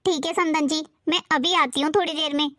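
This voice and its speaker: A woman voicing the bride's gentle, polite mother who speaks with worry about her daughter. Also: high-pitched, steady tone, a little fast, slight background noise. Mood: concerned.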